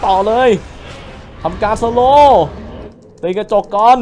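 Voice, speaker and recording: A young man giving excitable let's play commentary, trash-talking enemies with frequent exclamations. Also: high voice, slow pace, slight background noise. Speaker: gaming channel host. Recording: loud game music behind voice.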